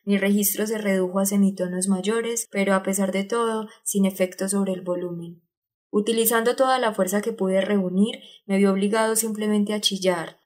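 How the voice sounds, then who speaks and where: A woman reads a book aloud as an audiobook narrator. Her voice sits at a middling pitch. The delivery is measured and even.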